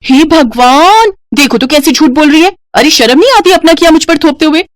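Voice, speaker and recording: A woman voicing a spoiled, scheming young sister-in-law in an animated storybook, with a shrill, sneering, bossy manner. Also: brisk, no echo, lightly acted. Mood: accusing.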